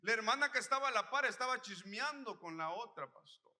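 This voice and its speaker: A man's voice: very high-pitched, expressive, brisk, pushed and bright, big-room sound, pitched above the performer's own voice, full character voice. A man voicing a cocky young male churchgoer who complains in a raised, whiny voice. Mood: complaining.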